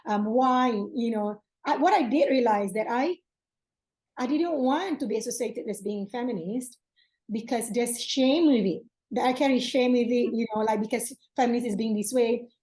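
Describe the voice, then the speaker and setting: Mellow, higher-pitched woman host. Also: normal speed, rough recording. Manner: earnest, with many fillers and restarts. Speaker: podcast host. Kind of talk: interview conversation.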